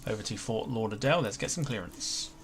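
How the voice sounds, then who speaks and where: A man runs a flight sim livestream, talking informally to his audience and greeting viewers by name. He speaks fairly quickly in a lowish voice, with clear background noise on the stream.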